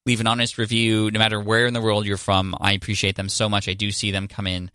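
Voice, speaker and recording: A man's voice: on the low side, monotone, fast, bright, forceful tone, smooth, no echo, clean studio sound. A man hosting a business podcast, coaching his guest and wrapping up in an upbeat, encouraging, effusive way. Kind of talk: podcast coaching interview and outro.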